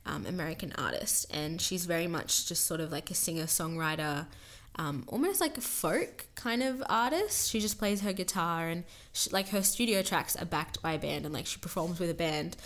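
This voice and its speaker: A woman's voice: on the low side, moderate pace, a bit bright. A young woman co-hosting a podcast, chatting casually and rambling with lots of filler words. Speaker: podcast co-host. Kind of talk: casual chat.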